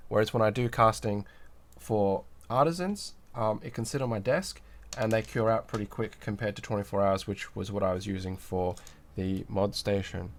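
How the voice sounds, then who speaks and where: Building a kit on his livestream, a nasal-sounding host with a cold and sore throat chats casually, welcomes viewers, and reads chat messages aloud. His pitch is fairly low and his pace moderate, with slight background noise.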